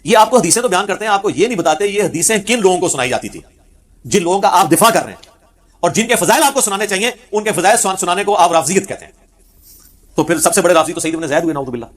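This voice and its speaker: A man giving a religious lecture on hadith, telling the stories vividly and acting out the quoted speech. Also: high voice. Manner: animated storyteller who acts out quoted speech. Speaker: Islamic preacher.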